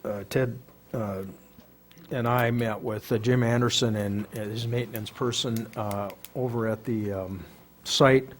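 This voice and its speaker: A man reports on agenda items at a city council meeting. His voice sits at an ordinary middle pitch. He speaks haltingly and fills gaps with "uh". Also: fairly even intonation, a little hiss or hum. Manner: halting, with many "uh" fillers. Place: council chamber.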